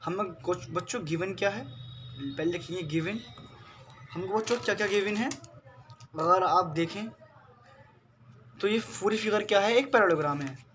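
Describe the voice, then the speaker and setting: Male math tutor, high voice, patient step-by-step classroom delivery, Hindi-accented English terms, faint hiss behind. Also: moderate pace, pauses often, fairly bright tone. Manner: patient, repeats questions to students. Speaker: math teacher. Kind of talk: classroom lesson.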